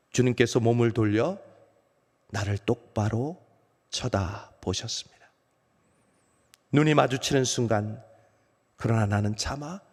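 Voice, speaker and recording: A man, a pastor, speaking as the apostle Peter, a remorseful, ashamed grown man, in a first-person dramatic monologue in a church, swinging from loud outbursts to hushed low phrases. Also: slightly rough, full character voice. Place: church sanctuary. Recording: long church hall reverb.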